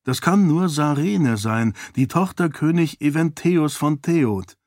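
A man's voice: a little high, lively intonation, takes it slowly, darkish tone, no room sound, studio quality, voice pushed up, heavily acted. A man voicing a worried young prince in an audiobook, lifting his voice for the role.

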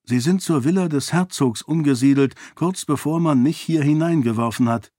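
A man voicing a sharp, proud young princess in an audiobook, speaking briskly and defiantly. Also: on the high side, no room sound, studio quality, pitched above the performer's own voice, close to an everyday voice. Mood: earnest.

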